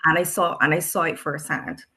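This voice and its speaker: A woman's voice: low-pitched, fairly even intonation, a little fast, pushed and bright. A woman from Barbados, a special education teacher speaking thoughtfully as a guest, often repeating words as she searches for them. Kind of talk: reflective discussion.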